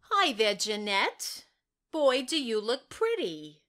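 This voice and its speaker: Woman playing a soft-spoken social worker, slow, bright. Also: on the high side, very animated, heavily acted. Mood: gentle. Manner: gentle, soft, speaking to a child. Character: friendly female social worker, adult.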